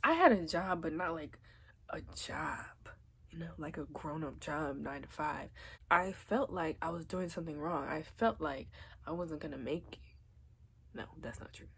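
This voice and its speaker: A young female vlogger, congested and stuffy-nosed from a cold, offers chatty, reassuring advice in a casual video, sprinkling in plenty of "like" and "literally." Her voice is low, gravelly, and fairly bright, at a moderate pace over slight background noise.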